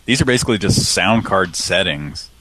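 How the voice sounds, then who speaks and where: A man whose voice has been pitch shifted very deep by a sound card effect, talking casually as a co-host. He rambles in a loose, profane way and chuckles often. A faint hiss sits under the voice. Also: animated, normal speed, sharp tone, low-quality recording. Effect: pitch shifted deep by sound card settings. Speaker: live show co-host. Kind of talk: casual chat.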